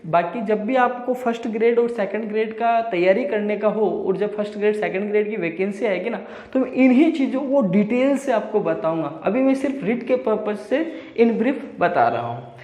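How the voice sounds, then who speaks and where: A male teacher giving an exam-prep lecture, explaining slowly and restating each definition in simpler words. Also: high-pitched, expressive, dark tone. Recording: echoey room with long reverb.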